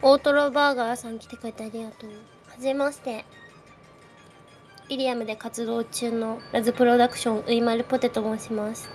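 Young woman, streamer host, casual nervous chat with a shaky voice, slightly high pitch, faint music bed. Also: little pitch movement, brisk. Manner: nervous, shaky voice, frequent nervous laughs. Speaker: streamer hosting a live audio space. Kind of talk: casual chat greeting listeners.

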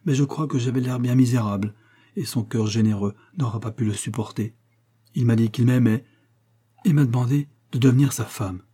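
A man's voice: medium pitch, normal speed, mellow, husky, close to an everyday voice. A man reading an audiobook voices an earnest, lovesick young woman in a raised, pleading tone. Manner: emotional, pleading.

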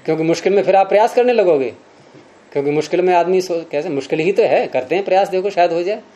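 Man, teacher, patient classroom explanation, raised pitch, warm dark tone. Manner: patient, questioning students, slows to spell out examples. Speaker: Sanskrit grammar teacher.

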